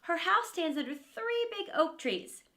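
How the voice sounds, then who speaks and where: A woman's voice: very high voice, big pitch swings, a little slow, a bit bright, pitched above the performer's own voice, heavily acted. A woman voicing a sweet, innocent little girl in a children's fairy tale.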